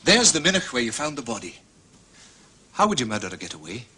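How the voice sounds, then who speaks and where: An actor voices a methodical, proud Scottish police inspector in a period detective drama, speaking precisely and courteously in a Scottish accent. His medium-pitched male voice is fast, bright and forceful, with big pitch swings and a little hiss or hum.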